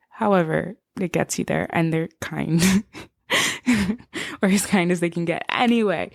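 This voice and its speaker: A woman's voice: fairly low pitch, a little mellow, dry recording, clean studio sound. Chatty rambling American-accented young woman. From Zimbabwe. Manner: rambling and chatty, giggly, many "like"s. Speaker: podcast host. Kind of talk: casual solo podcast chat.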